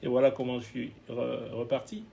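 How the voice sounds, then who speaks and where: Animated storytelling man, mid pitch. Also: moderate pace, gravelly, a little hiss or hum. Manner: animated, acts out other people's lines, laughs often; switches into English phrases mid-story. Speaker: touring musician telling an anecdote as a guest. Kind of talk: casual storytelling.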